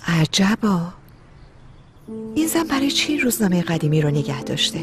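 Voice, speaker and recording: A woman's voice: fairly low pitch, very animated, music in the background. A nosy scheming young woman. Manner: curious, scheming.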